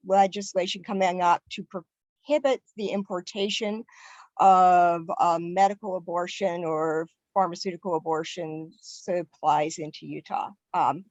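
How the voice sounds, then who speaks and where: A woman's voice: medium pitch, a little mellow, no echo, rough recording. A woman giving an earnest online webinar presentation for a civic league, stressing key words as she speaks over a video call.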